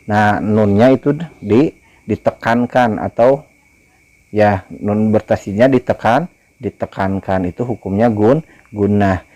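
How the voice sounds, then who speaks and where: A man's voice: fairly low pitch, dark tone. A young man teaching children a Quran recitation lesson over distance learning, patiently repeating words and correcting pronunciation. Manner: recites verses slowly and drawn out, then explains pronunciation to children. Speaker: religion teacher.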